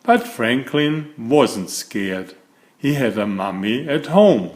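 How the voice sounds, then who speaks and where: A man narrates a picture book for young children in a roomy, echoing space. His delivery is slow and deliberate, with a lively, expressive rise and fall in his pitch.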